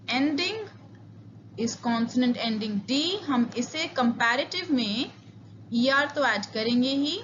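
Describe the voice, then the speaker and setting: Woman, grammar teacher, very slow, higher voice, dull lo-fi sound. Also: noisy background. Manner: mixes Hindi and English, slow and deliberate, spells out letters. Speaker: English teacher. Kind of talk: grammar lecture.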